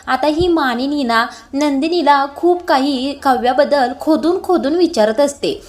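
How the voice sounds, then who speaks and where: High-voiced woman retelling a serial. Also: unhurried. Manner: plain connective narration with repeated cue phrases. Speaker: storyteller retelling TV serial episodes. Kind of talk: casual story retelling.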